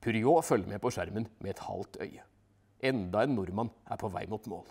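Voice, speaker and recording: A man narrating a children's audiobook in a lively, expressive way. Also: on the low side, husky.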